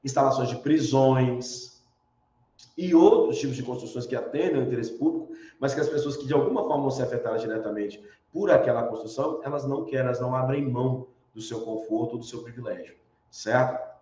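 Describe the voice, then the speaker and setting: A man's voice: mid-range voice, fairly quick, dark tone. A man with a Brazilian accent giving a university lecture, explaining as he goes and asking questions he then answers himself. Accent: Brazilian Portuguese. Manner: explanatory, poses rhetorical questions, frequent tag questions. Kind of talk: recorded online lecture. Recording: echoey room, dull lo-fi sound.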